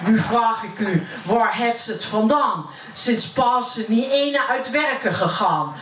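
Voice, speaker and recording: A woman's voice: fairly high pitch, lively intonation, slow pace, a bit bright. A woman reciting dialect poetry as a brash, cheeky working-class woman with a broad Utrecht Dutch accent. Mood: gossipy, indignant. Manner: earthy, colloquial, cheeky. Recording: roomy, distant mic, faint noise.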